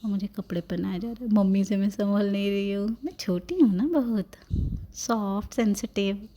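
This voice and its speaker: Sassy baby-girl narrator played by a woman, warm mid-pitched voice, playful and teasing. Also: moderate pace, natural voice. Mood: cheeky. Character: sassy newborn baby girl, cheeky and complaining. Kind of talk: voice-over narration of a family vlog.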